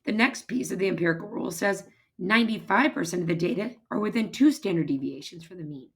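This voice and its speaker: A woman with a hoarse, raspy voice that is giving out, explaining step by step as a math teacher in an informal recorded lecture. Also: fairly low pitch, animated, fast. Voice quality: husky, raspy, strained voice. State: hoarse, losing her voice, throat-clearing.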